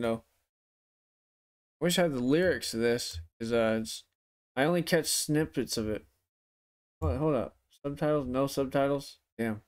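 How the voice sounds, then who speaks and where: A man's voice: a little high, clear, resonant tone. A young man giving casual, slangy, profane reaction commentary, his speech affected by a swollen face and sore tooth. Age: young adult. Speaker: music reaction host. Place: living room at home.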